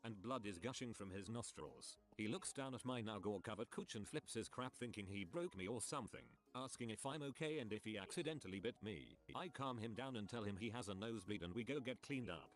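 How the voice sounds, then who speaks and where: A man reading posts aloud for a reaction video in a flat, matter-of-fact way. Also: lowish voice, a little fast, few pauses, faint music behind. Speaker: reader of online posts.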